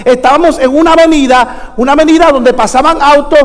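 A Puerto Rican man preaching a storytelling sermon in Spanish with a Puerto Rican accent, dramatically acting out dialogue and bursting into shouts. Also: very high voice, fairly even intonation, a little fast. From Puerto Rico. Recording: long hall reverb.

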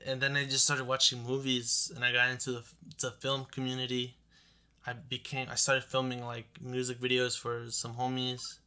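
A man's voice: mid-range voice, completely flat delivery, normal speed, pushed and bright, clear, resonant tone. A young man co-hosting a casual movie chat, rambling in frat-bro slang full of "like". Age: young adult. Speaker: podcast co-host.

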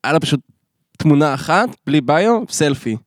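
A man's voice: fairly high pitch, dry recording, studio quality. A man co-hosting a podcast, chatting casually and telling stories with lots of acted-out dialogue. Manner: animated storyteller, acts out dialogue. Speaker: podcast co-host. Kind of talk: casual chat.

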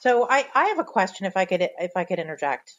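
A woman hosting an interview podcast, speaking conversationally in measured, careful short phrases. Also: medium pitch, big pitch swings, lo-fi sound, slight background noise.

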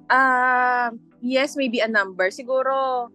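A woman's voice: high-pitched, slow, bright, forceful tone. A Filipino woman speaks in conversational Taglish, sliding between Tagalog and English within a sentence. She hesitates as she looks for words, with music audible in the recording. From Philippines. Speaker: podcast guest. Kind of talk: conversational interview answers.

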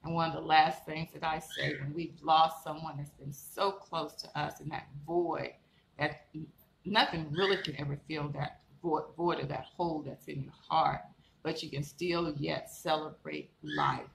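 A woman minister delivers a live-streamed sermon, encouraging and repetitive, building toward emphatic declarations. Her voice sits low and gravelly at a moderate pace. The live-stream setup catches an echoey room with faint background noise.

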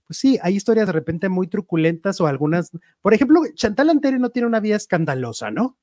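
A man hosting a casual entertainment chat, gossiping in an animated way and acting out quotes playfully. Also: high voice, fairly quick, no room sound, clean studio sound. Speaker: show host.

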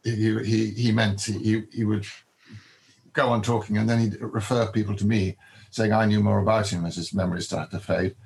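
An older man, a biographer, answering interview questions in a halting way, with many ums and restarts. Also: fairly low pitch, level tone, vocal fry, darkish tone, poor audio.

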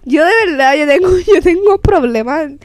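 A woman's voice: high-pitched, expressive, moderate pace, darkish tone. A Puerto Rican woman co-hosting a casual podcast chat in Spanglish, dropping English words into her Spanish. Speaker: podcast co-host.

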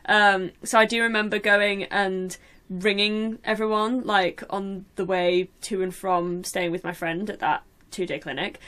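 A woman hosting a podcast, chatting in a lively, animated way. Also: mid-range voice. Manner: chatty, animated, quick to laugh. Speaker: podcast host. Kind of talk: casual chat.

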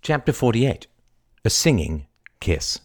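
A man narrating a historical novel in a measured, lyrical storytelling manner. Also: on the low side, big pitch swings, no room sound, clean studio sound. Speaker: audiobook narrator. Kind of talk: scripted narration.

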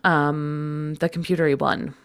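A congested woman co-hosting a podcast, chatting casually and steering the conversation in a relaxed, agreeable way. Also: low-pitched, a little slow, smooth. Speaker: podcast co-host. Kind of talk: casual chat.

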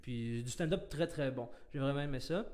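A man's voice: mid-range voice, moderate pace, a little mellow. A man with a Québécois French accent, co-hosting a podcast in casual chat, with many fillers and easy laughs. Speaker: podcast co-host.

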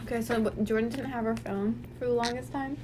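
A young woman with a somewhat high voice chats casually, teasing her friend and chiming in. Faint room noise hangs behind her. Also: fairly even intonation, a little fast. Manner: teasing, chimes in with laughs. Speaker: podcast co-host. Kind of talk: casual chat.

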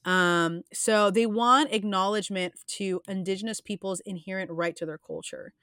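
A woman's voice: mid-range voice, steady tone, normal speed, a bit bright, clear, resonant tone, dry recording, clean studio sound. A woman hosting a podcast, talking casually and earnestly, rambling with frequent restarts and fillers. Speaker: podcast host.

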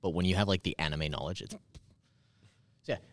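A man's voice: sits low, a little fast, no echo. A man hosting a casual podcast chat, rambling with lots of fillers and laughter. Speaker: podcast host.

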